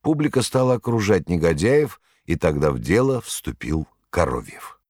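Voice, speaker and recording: Man narrating a story, lively and low. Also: moderate pace, no echo, studio quality. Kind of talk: scripted narration.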